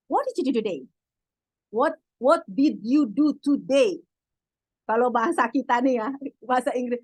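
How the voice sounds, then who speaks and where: A young woman with a fairly high voice tutors an online English class in a loose, chatty way and keeps slipping English phrases in. The sound is dry and close. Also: no echo, rough recording. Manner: chatty, mixes in English phrases, refers to herself as Teteh. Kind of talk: casual online class teaching.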